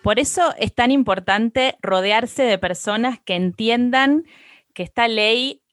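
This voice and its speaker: A woman's voice: a little high, slow pace, fairly bright tone, no echo, clean studio sound. A woman, co-hosting a podcast, making earnest reflective points in casual conversation.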